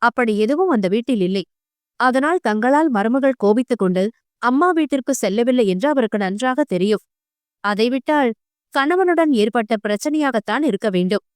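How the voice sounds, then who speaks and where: A woman's voice: a little high, lively intonation, normal speed, clear, resonant tone, no room sound. Woman narrating an audio novel, dry close sound. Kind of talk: scripted storytelling narration.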